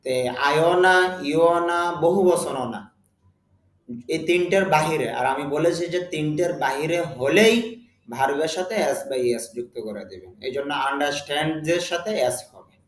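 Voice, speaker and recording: A man with a Bengali accent and a slightly high voice runs a spoken English lesson in an echoey room. He keeps his delivery slow and deliberate and repeats words for the learners.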